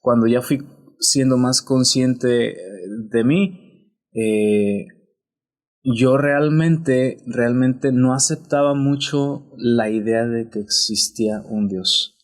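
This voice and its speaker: Mexican man, priest, podcast interview, reflective, unhurried, restarts his sentences, mid-pitched voice.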